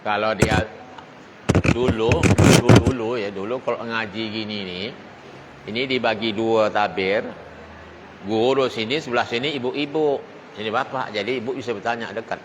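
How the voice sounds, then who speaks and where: A man's voice: lowish voice, moderate pace, heavy background noise. A man talking casually and chattily to a gathered audience, laughing easily.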